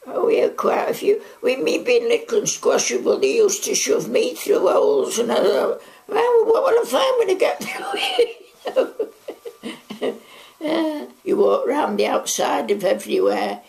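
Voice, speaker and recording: In her living room, wearing a lapel mic, an interviewee in her nineties from Manchester shares an oral history recollection in her Mancunian accent. Her gravelly, darkish voice makes huge pitch swings and moves a little slowly, and her chatty reminiscence rambles with frequent side remarks.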